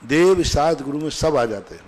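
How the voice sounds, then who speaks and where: A man's voice: a little high, lively intonation, normal speed, a little mellow. A man giving a religious question-and-answer discourse, chatty and storytelling, often laughing.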